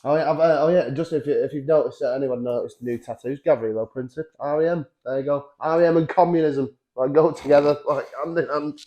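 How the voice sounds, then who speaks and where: A man's voice: a little high, fast talker, hardly any pauses, mellow, muffled recording. A young man co-hosting a comedy podcast, swearing often, laughing and restarting his sentences. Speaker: podcast co-host. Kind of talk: casual comedy chat.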